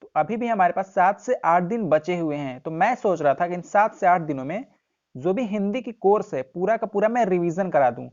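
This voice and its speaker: A man's voice: sits high, lively intonation, moderate pace, darkish tone, muffled recording. Man teaching an exam revision lesson. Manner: repeats key points and quizzes the viewer.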